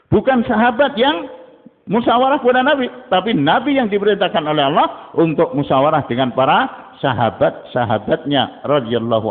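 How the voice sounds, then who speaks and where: Male preacher, lively sermon delivery, thin phone-like sound with long reverb. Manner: animated, rising to high emphatic bursts and dropping low. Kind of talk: dawn sermon.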